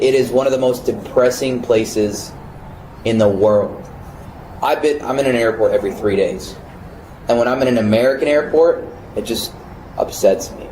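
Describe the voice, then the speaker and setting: A man hosting a podcast in casual chat, talking in an animated, emphatic way with some swearing. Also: mid-range voice, slight background noise. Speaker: podcast host. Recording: roomy echo.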